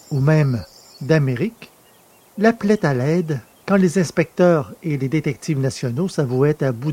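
A man narrating a story in the first person, in a measured storytelling manner. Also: fairly high pitch, dark tone.

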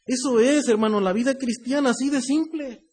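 A man's voice: very high voice, moderate pace, a little mellow, slightly rough. A man preaching a sermon in a conversational way, often adding "right?" and addressing the listener as brother. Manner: conversational preaching, often tagging "¿verdad?" and "hermano".

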